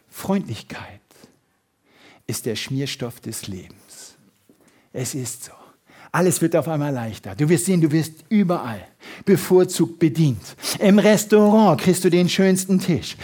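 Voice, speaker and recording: A man giving a motivational sales seminar, lively and full of emphasis, acting out little everyday scenes. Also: fairly high pitch, unhurried. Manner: lively, shifts loud and soft for emphasis, acts out little scenes. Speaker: sales trainer.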